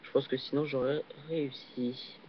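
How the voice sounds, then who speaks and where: A young man casually commenting while he plays a video game, hesitant and full of fillers, with sudden excited yelps on jumps. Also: medium pitch, moderate pace, a little hiss or hum. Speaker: gaming channel host. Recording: dull lo-fi recording.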